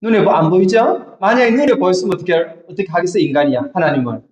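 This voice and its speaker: Pastor preaching in an echoey church. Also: male voice, sits high, animated, fast talker, darkish tone. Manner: colloquial, asks the congregation constant rhetorical questions. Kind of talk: sermon. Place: church sanctuary. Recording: echoey church hall, distant mic, dull sound.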